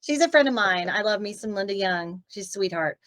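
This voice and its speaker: A woman's voice: mid-range voice, lively intonation, brisk, a bit bright. A middle-aged woman from Tennessee, a voice actress as guest, talking in a rambling, open, chatty way during a casual interview. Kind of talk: casual interview over a video call.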